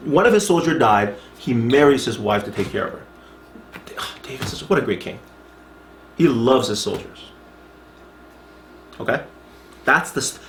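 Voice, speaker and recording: A man leads a Bible study in a relaxed, talky lecture style, reading passages and breaking off to explain them. His voice sits at an ordinary middle pitch. The room gives it a clear echo, with a faint hum of ambience behind him. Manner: conversational, reads scripture aloud with asides; frequent restarts and checks like "okay?". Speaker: Bible teacher.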